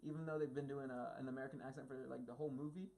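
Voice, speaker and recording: A man's voice: medium pitch, steady tone, very fast, gravelly, a little mellow, poor audio. A young man co-hosting a casual film review chat, opinionated and ranting with emphatic asides.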